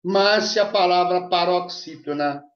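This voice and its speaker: Slow-spoken Brazilian man teaching grammar. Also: high-pitched. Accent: Brazilian Portuguese. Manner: explanatory, checks in with frequent "tá?" and "né?". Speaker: Portuguese teacher. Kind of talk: recorded grammar lesson. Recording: roomy, dull lo-fi sound.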